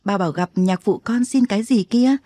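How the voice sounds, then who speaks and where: A woman's voice: medium pitch, brisk, warm tone, no room sound, natural voice. A woman reading an audiobook, voicing an earnest young male servant who pleads with and reassures his grandmother. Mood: respectful.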